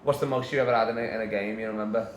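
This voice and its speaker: Brief: excitable Aussie podcast host, stumbles on restarts, roomy echo with faint hiss. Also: male voice, lowish voice, rapid-fire. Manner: excitable, stammering restarts, swears freely. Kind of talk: casual chat. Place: comedy club after a show. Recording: echoey room with faint noise.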